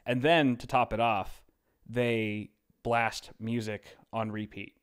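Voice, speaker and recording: A man's voice: lowish voice, fairly even intonation, slow, smooth. Rambling, casual male podcast host. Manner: rambling, filler-heavy storytelling. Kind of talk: casual chat.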